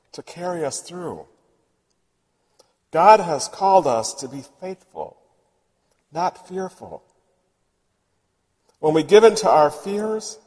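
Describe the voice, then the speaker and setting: A man delivers a sermon at an unhurried, deliberate pace, his voice sitting a little high for a man. He speaks earnestly and reflectively, and his words ring out in a long, reverberant hall. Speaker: preacher.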